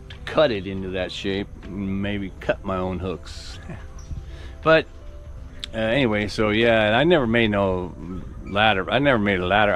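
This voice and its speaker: A man's voice: lowish voice, a bit bright. A man in his sixties casually thinking aloud as he plans a build on his farm, rambling with many restarts. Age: 60s. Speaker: farm vlogger. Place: outdoor construction site on a farm.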